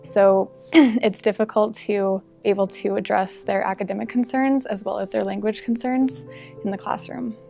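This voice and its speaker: A woman who teaches English as a second language, explaining her students' needs in a steady, explanatory way in an interview. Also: mid-range voice, moderate pace, creaky. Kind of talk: interview testimonial. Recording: soft music bed underneath.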